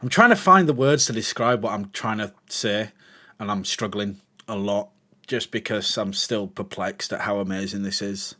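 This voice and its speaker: A man's voice: lowish voice, moderate pace, sharp tone. A man hosting a reaction video, talking casually and emotionally, sighing, swearing and searching for words.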